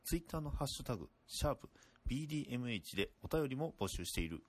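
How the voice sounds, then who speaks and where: A man's voice: medium pitch, big pitch swings, quick pace, husky, no echo. A man voicing a radio operator in a podcast promo, with clipped call-and-response phrasing over a distant radio transmission. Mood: commanding.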